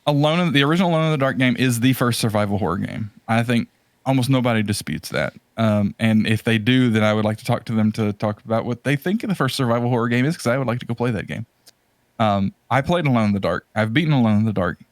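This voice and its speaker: Recorded dry, this medium-pitched male podcast host chats informally about retro games and films. He wanders from point to point, clearly excited about the topic.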